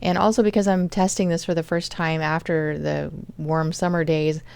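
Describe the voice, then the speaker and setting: A woman with a low, slightly gravelly voice chats through her home cooking project step by step. Her tone is smooth and resonant, recorded dry with no room sound. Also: little pitch movement, moderate pace, darkish tone, no echo. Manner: chatty, explains each step. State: chronic fatigue. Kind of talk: casual cooking vlog narration.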